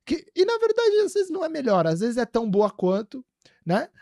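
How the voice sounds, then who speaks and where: A man's voice: very high-pitched, huge pitch swings, normal speed, a little mellow, no room sound, studio quality. A man hosting a podcast, telling stories in a rambling casual way with many fillers. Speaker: podcast host.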